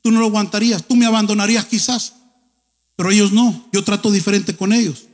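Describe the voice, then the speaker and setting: Brief: God as a stern, fatherly male, brusque and firm, dropped lower than the preacher's own high voice, long hall reverb. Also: steady tone, fast talker, natural voice.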